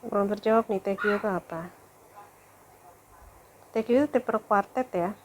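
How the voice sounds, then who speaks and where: A woman lecturer explains a lesson in an easy, unhurried way, pausing to think aloud and correct herself. Her voice sits at an ordinary middle pitch. A faint hiss of background noise runs under the recording.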